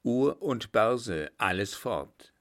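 A resolute young lieutenant gives firm, commanding orders in a low voice, as a male narrator plays him. The audiobook hero stays calm and decisive. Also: very slow, exaggerated voice. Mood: grave. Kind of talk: audiobook reading.

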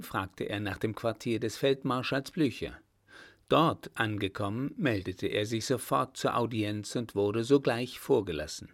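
An audiobook narrator with a fairly low voice reads a historical novel aloud from a script, keeping his storytelling measured and even. The sound is studio quality with no echo.

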